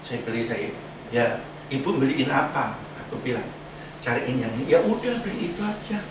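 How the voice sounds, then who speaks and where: A man's voice: mid-range voice, big pitch swings, moderate pace, noisy background. A man preaching a sermon in a casual, chatty way, slipping into slang asides and acting out voices he quotes. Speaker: pastor. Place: church sanctuary. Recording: echoey church hall miked from a distance.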